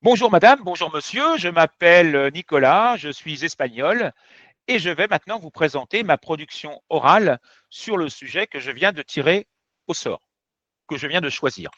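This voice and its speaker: A man's voice: on the high side, animated, normal speed, a bit bright, no echo. A man playing an adult male exam candidate who gives a formal, polite self-introduction. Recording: dull, slightly muffled sound.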